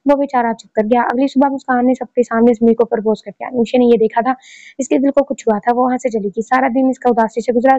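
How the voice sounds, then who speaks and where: A woman reading a romance story aloud at a steady pace, with small slips and restarts. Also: on the high side, dry recording. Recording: dull lo-fi recording.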